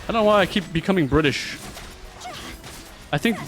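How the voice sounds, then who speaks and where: A man streaming live gameplay, talking to himself and breaking into frustrated shouts. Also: high voice, expressive, normal speed, soft background music. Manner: mutters to himself, bursts into shouts when frustrated.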